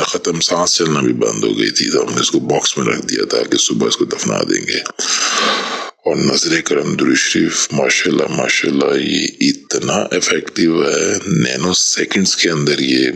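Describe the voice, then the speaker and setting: A man's voice: very deep voice, creaky, a bit bright, slightly rough. A man earnestly telling a personal story in a voice message, mixing in English words. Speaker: caller sharing a personal story. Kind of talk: voice message, emotional testimony.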